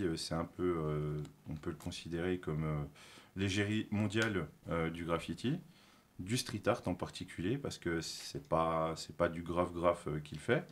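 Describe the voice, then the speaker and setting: A man presenting a segment on a talk show, explaining from his notes with a lot of filler sounds, self-corrections and light self-mocking asides. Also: low voice.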